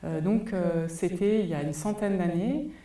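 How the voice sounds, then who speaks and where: A woman in her forties gives a live talk from a cinema stage, her dark, mellow voice unhurried and full of thoughtful fillers. She wears a headset mic, yet she sounds set back in a large reverberant hall. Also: on the low side. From France. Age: 40s. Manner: thoughtful, many hesitation fillers. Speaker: conference speaker. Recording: echoey hall, voice from far off.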